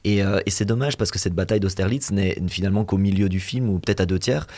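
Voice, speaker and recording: A man's voice: low voice, fast, dark tone. A man co-hosting a podcast, giving his opinions on films in a chatty, hesitant, conversational way. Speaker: podcast co-host. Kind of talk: casual film review chat.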